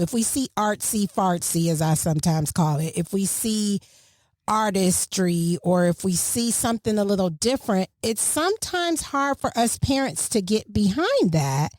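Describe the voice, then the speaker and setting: This podcast host, a middle-aged woman, has a mid-range, somewhat mellow voice. She chats casually and motherly while advising parents, often adding preachy asides. The audio is studio quality with no room sound.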